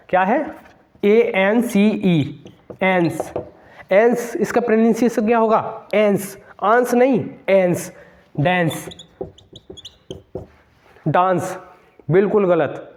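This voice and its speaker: A man with a high-pitched, darkish voice teaches English grammar for competitive exams. He speaks emphatically, repeating words and spelling them out letter by letter in this exam-prep lesson.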